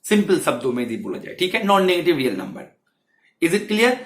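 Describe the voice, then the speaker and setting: A man teaches exam maths in a slightly high, sing-song voice at a brisk pace. Repeated phrases and frequent check-ins with students run through his explanations, and the recording has a roomy echo.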